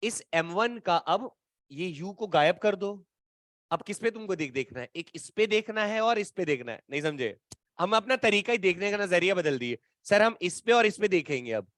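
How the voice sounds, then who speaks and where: A man's voice: sits high, lively intonation, moderate pace, a bit bright, dry recording, studio quality. A man teaching physics in a lecture, explaining step by step and teasing his students with playful colloquial asides. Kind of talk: classroom lecture at a whiteboard.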